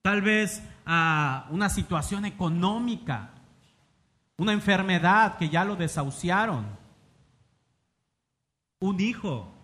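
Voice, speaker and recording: A man's voice: sits high, a bit bright. A man with a Mexican accent preaching a sermon, reading scripture dramatically and putting rhetorical questions to the congregation. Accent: Mexican Spanish. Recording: long reverb of a large hall.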